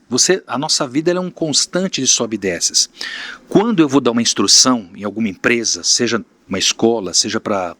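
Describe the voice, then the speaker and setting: In a casual podcast interview, a mentor from Brazil shares frank stories of his businesses, speaking plainly in the manner of a storyteller. His voice is mid-range with a fairly bright tone.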